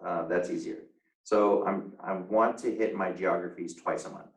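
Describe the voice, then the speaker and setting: A man with a very low voice talks through his business over a video call. He stops and restarts a lot and fills pauses with ums. The sound is roomy and a little distant from the mic. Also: fairly even intonation. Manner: halting, many fillers and restarts. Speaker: real estate agent, interviewee. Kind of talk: casual video call interview.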